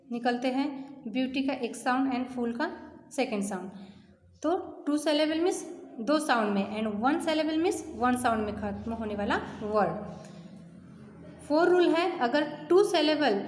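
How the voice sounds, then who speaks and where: A woman teacher with a Hindi accent explaining a grammar lesson to young students, slowly repeating rules and reading word lists aloud. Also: high voice, a little mellow. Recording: echoey room with long reverb.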